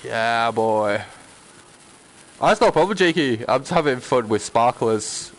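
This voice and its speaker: Unhurried and mid-range in pitch, this male streamer gives playful, sweary play-by-play of a video game in an excitable, laid-back way.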